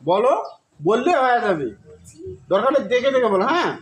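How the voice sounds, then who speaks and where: A man with a Bengali accent teaching Sanskrit pronunciation, asking questions and answering them himself, then chanting verses slowly in a long, drawn-out melody. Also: extremely high pitch, lively intonation, reverberant, low-quality recording. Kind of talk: recorded Gita recitation lesson.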